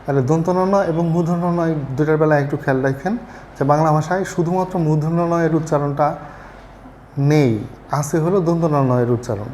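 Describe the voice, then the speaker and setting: A man's voice: fairly high pitch, fast talker, a little mellow, a little hiss or hum. A man teaching a lesson on pronunciation, explaining step by step and often checking that listeners follow. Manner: patient, explanatory, repeats "ঠিক আছে?" to check understanding; fillers and self-corrections. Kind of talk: spoken lesson on Bangla pronunciation.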